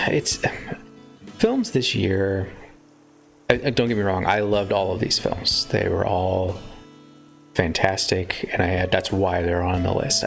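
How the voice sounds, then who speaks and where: On a live stream, a man chats casually in a fairly low, gravelly voice with a slightly bright edge. He rambles, cuts himself off mid-sentence to crack jokes, and keeps things chatty. Faint guitar music plays in the background.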